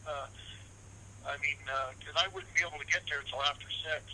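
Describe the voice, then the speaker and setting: A man talking over a phone on speakerphone, a dog owner chatting casually in a halting way with many pauses and restarts. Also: fairly high pitch, fairly even intonation, bright, forceful tone, slightly rough, rough recording. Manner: halting, full of fillers and restarts. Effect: heard over a phone on speakerphone.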